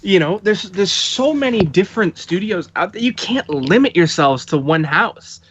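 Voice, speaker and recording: A man's voice: sits high, lively intonation, moderate pace, a bit bright, slight background noise. Opinionated man on a dull, dry podcast mic. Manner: emphatic, opinionated, many fillers. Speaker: podcast guest. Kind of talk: casual chat.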